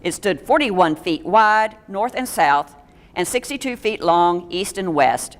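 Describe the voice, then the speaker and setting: A woman's voice: lowish voice, lively intonation, unhurried, big-room sound. A woman giving a local history talk to an audience in a meeting room, reading steadily from notes with small stumbles and dry asides.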